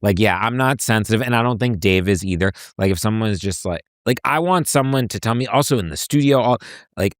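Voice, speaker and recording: A man's voice: on the low side, a little fast, dry recording. A man chatting as a podcast guest in a studio, rambling and stopping to restart his thoughts. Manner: rambling, full of filler words and restarts. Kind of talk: casual chat.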